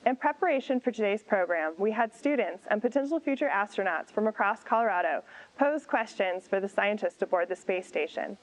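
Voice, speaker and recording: A woman's voice: medium pitch, brisk, rough recording. A woman hosting an event, delivering scripted opening remarks in a formal, polished presenting manner. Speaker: event host, museum programs coordinator.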